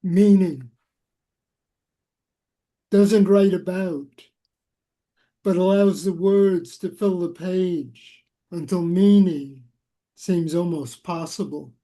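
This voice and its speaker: A man's voice: high voice, takes it slowly, long pauses, dark tone. A man poet reading a very short poem twice on a livestream, brief and understated. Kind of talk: poetry reading.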